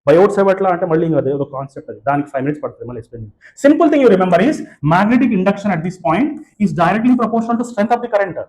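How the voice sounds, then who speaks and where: A man's voice: sits high, very animated, a little fast, few pauses, a little mellow, poor audio. A man with a Telugu accent teaching physics to a class, switching between English and Telugu, with frequent fillers and restarts. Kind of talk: classroom lecture. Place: classroom with students present.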